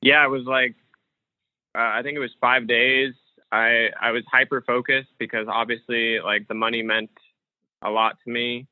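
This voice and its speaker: A man's voice: mid-range voice, flat delivery, moderate pace, no echo. A man, a guest on an interview, talking casually and thinking aloud with many fillers and restarts over a remote call. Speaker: guest, professional poker player. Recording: dry, phone-like remote call audio.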